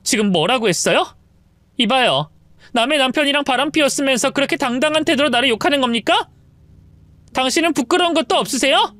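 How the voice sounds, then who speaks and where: Woman doing a furious wronged wife, higher voice, animated. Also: fairly quick, no room sound. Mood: indignant. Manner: indignant, pleading.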